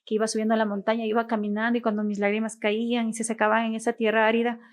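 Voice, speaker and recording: A woman's voice: fairly high pitch, completely flat delivery, rapid-fire. A woman guest, an author and mother, speaking earnestly and spiritually in an interview, telling stories with quoted speech. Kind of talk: heartfelt interview talk.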